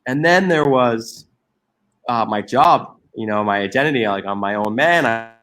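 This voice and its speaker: With a medium-pitched, expressive and slightly bright voice at normal speed, an Egyptian guest in his forties reflects on his work as a social entrepreneur. He keeps restarting his sentences and filling pauses, but stays earnest throughout.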